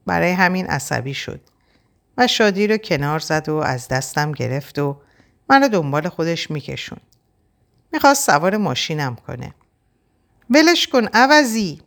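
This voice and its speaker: Low-voiced woman narrating a story. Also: vocal fry. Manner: quiet, introspective storytelling. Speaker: audiobook reader. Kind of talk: first-person story narration.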